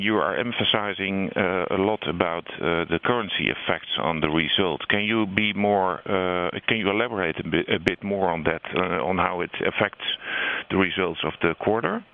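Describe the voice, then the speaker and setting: Low-voiced man on a tinny phone line. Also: moderate pace, vocal fry. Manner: hesitant, many filler sounds. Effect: heard over a phone line. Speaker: caller asking questions on a conference call. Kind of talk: conference call questions.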